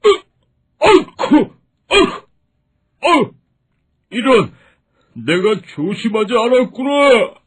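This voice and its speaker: A man voicing a proud, blustering male lion king with a husky, gruff manner in a children's storybook. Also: very animated, takes it slowly, pauses often, exaggerated voice. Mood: groaning. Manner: gruff, booming laughs and groans.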